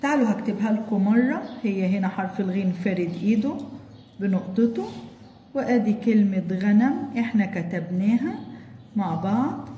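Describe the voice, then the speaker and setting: An Egyptian woman teaching kindergarteners, slowly sounding out letters and syllables as she coaxes the child along. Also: mid-range voice, warm tone. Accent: Egyptian Arabic. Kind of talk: recorded lesson for young children. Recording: echoey room with long reverb, faint background noise.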